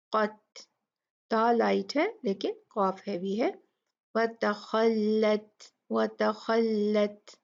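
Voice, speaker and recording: A woman's voice: medium pitch, creaky, lo-fi sound. A woman teaching tajweed step by step, patiently repeating each sound syllable by syllable. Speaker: Quran recitation teacher.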